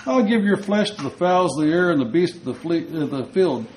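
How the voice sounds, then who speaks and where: A boastful giant soldier sneers and mocks his foe, as a preacher puts him on. The voice sits a little high and lands each insult with scorn. It is a storytelling voice in a sermon. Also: expressive, a little fast, a little mellow, slight background noise, natural voice, low-quality recording. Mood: scornful. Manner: taunting, scornful. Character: boastful giant warrior man, mocking and brutal.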